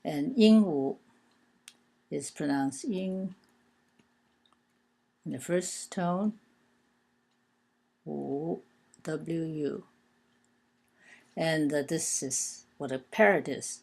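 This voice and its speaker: A woman's voice: deep voice, extremely slow, gravelly, long pauses, a little mellow. A woman teaching an informal language lesson, hesitant and full of fillers, counting and spelling things out aloud. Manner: hesitant, many fillers and restarts.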